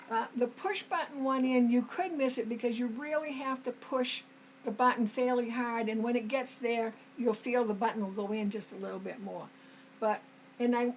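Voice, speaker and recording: A woman with a fairly high voice hosts a sewing tutorial, chatting homily to viewers as "us" while she works step by step, with frequent okays and restarts. Her throat is slightly dry, so she clears it now and then. The recording sounds muffled with slight background noise.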